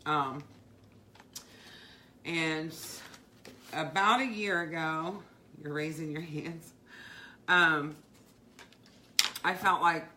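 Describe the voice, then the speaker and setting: Low-voiced woman chatting on a craft livestream. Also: very slow, pauses often, sharp tone, a little hiss or hum. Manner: heartfelt, rambling, many fillers and restarts. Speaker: craft business owner, livestream host. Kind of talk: casual live-stream chat.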